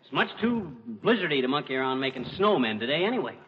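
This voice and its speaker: A man's voice: a little high, big pitch swings, fast talker. A man playing a bumbling, boastful husband in 1940s radio comedy, wisecracking and chuckling. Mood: blustering. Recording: dull old radio broadcast with reverb and hiss.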